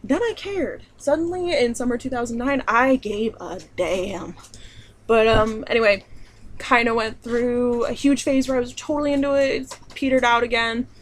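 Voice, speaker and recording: A young woman from southern New York, with an accent blending southern New York and central Pennsylvania, chats and rambles through a casual Q&A vlog. Her voice sits on the high side at a normal speed, and she fills her talk with lots of ums and likes.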